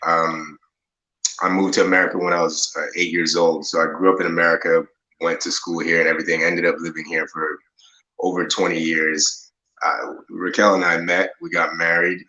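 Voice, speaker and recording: A man from Nigeria, a guest on a video call, talking in a relaxed, easygoing way. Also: low-pitched. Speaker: interview guest. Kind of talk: casual video call chat. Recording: muffled video call audio.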